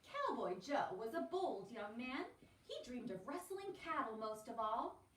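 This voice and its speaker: High-voiced, encouraging music teacher woman. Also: big pitch swings, measured pace. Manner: encouraging, sing-song, talks straight to young children. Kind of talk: live-streamed children's music lesson. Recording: roomy, distant, faint background hiss.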